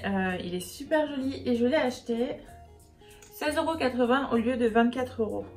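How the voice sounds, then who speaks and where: A woman beauty vlogger chatting casually and upbeat through a makeup haul, with many fillers. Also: on the high side.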